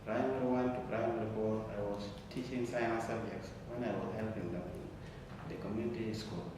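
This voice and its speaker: A young man from South Sudan speaks in a fairly low voice with earnest, deliberate pacing, sometimes repeating words. He sounds far from the microphone in a very echoey room, with a steady background hum. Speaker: interviewee. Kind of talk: interview, personal story.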